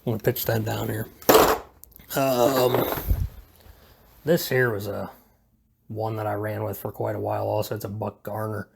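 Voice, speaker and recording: Indoors at home, a video presenter gives a casual, unscripted hobby how-to, laid-back, hesitant and self-deprecating as he rambles. His lowish, creaky voice has little pitch movement and a moderate pace, with frequent pauses and a little hiss or hum.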